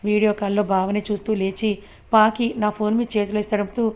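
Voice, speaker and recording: A woman reading a first-person story aloud as an audiobook narrator, steady and unhurried. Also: medium pitch.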